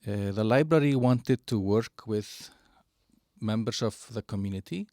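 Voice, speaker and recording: A man giving a halting walkthrough of an online platform, with many fillers and restarts. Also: on the low side, warm tone, dry recording, clean studio sound. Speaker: presenter of a digital platform. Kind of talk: screen-share product walkthrough.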